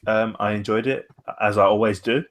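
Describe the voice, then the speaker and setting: A man's voice: on the low side, steady tone, moderate pace, a bit bright. A man hosting a podcast in a casual, conversational style. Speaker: podcast host. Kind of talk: casual chat.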